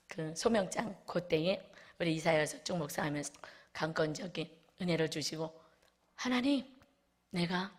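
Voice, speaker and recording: A woman pastor preaching a sermon, speaking emphatically and swinging between loud exclamations and soft, hushed asides. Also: low voice.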